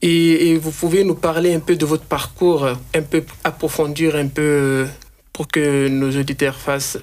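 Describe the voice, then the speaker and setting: A man's voice: on the high side, little pitch movement, a little slow, darkish tone. Hesitant male radio interviewer. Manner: hesitant, many fillers and repeats.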